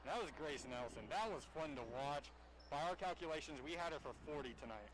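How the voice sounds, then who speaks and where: A man hosting a local sports stream, asking postgame questions in a measured, unhurried way. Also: fairly high pitch, expressive, fairly bright tone. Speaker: local livestream announcer. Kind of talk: postgame interview. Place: high school gym after a game. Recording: noisy gym ambience.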